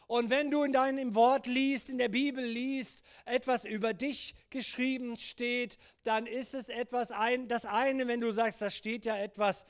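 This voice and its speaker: A pastor preaching a church sermon in an earnest, urging way, dropping low and soft when he speaks God's words. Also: steady tone, a little slow, hardly any pauses. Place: church service.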